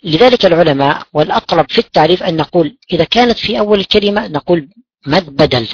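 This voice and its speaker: A man's voice: fairly high pitch, lively intonation, fast talker, husky, no room sound. A man teaching Quran recitation rules, patiently posing questions and answering them himself, repeating key words. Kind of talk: explaining tajweed rules. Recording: dull lo-fi dry recording.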